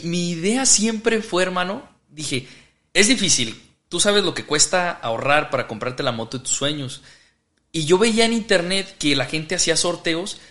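A man's voice: a little high, sharp tone. A man, a motorcycle vlogger guest, telling a story in casual chat and acting out the quoted lines. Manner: laughs often, acts out quoted dialogue.

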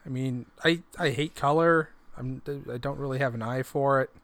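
Male co-host, crude and offhand, mumbles through it, sharp bright tone. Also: mid-range voice, moderate pace, no room sound. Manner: crude, self-deprecating, mumbling. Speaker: podcast co-host. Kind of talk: casual chat.

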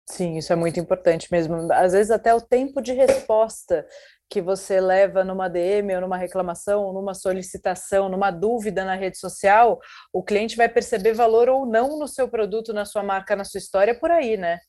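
A woman's voice: medium pitch, fairly quick, dark tone. A woman co-hosting a casual talk, steering the topic and raising points. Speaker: podcast co-host. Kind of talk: casual conversation on branding.

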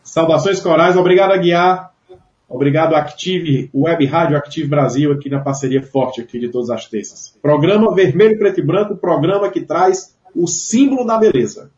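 A Brazilian man casually hosting a sports radio show, talking unscripted in a halting way with repeated words. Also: a little high, a little mellow. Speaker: host of a football club radio show. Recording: dull, echoey web radio sound.

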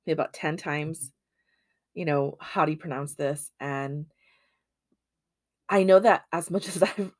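A woman with a fairly low voice hosts a solo podcast, chatting casually and rambling with lots of ums and restarts. The recording is studio quality with no echo.

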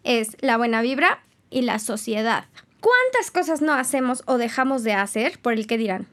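A young woman with a Mexican accent hosts her podcast in an easy, loose monologue. She sounds loud and expressive, and she laughs often. Her voice sits high. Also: normal speed. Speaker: podcast host. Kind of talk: casual solo podcast monologue.

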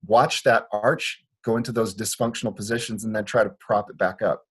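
A man's voice: lowish voice, fairly even intonation, fairly quick, husky. A man from Liberia, a foot doctor, explaining his views in an earnest, conversational way with frequent restarts. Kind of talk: conversational interview. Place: Portland, Oregon clinic.

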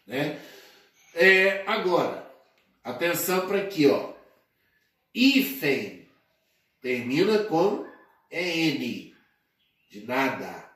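Slow, echoey male teacher explaining grammar. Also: fairly high pitch, fairly bright tone. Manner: slow, deliberate, spells out word endings, frequent "né?" and "é". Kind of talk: grammar lesson. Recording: very echoey, distant from the mic.

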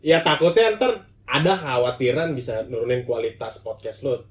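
A man's voice: medium pitch, normal speed. A man with a Betawi accent chatting casually as a podcast guest, joking and telling stories in loose Jakarta slang. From Depok, greater Jakarta, Indonesia. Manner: joking, animated storytelling in colloquial gua-lu slang.

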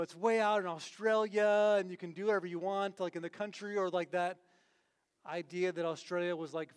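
Man, pastor, casual sermon, loose and chatty, many restarts, echoing church hall. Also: sits high. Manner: conversational, many fillers and restarts.

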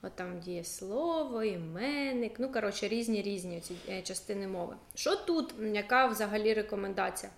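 A woman's voice: medium pitch, moderate pace, vocal fry, hardly any pauses, echoey room. A young adult woman teacher, explaining a school subject in a casual, chatty way with many fillers and asides.

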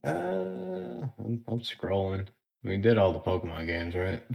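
Podcast co-host, male, low gravelly voice, loose and jokey. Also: unhurried, darkish tone. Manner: laid-back, swears and laughs often. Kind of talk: casual group chat.

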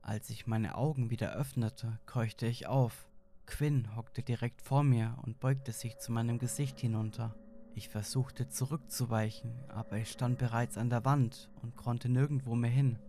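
Male horror narrator, mid-pitched voice, steady tense first-person reading. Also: unhurried, a little hiss or hum.

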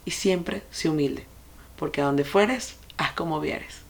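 A woman's voice: sits low, a little slow, gravelly. A woman with a Venezuelan accent hosting a solo podcast, telling stories and speaking straight to her listeners with advice. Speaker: podcast host. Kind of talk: reflective solo podcast monologue.

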